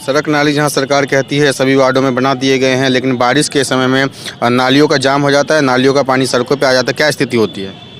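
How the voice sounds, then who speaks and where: A male reporter asking an interviewee formal questions in a steady way. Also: mid-range voice, fast talker.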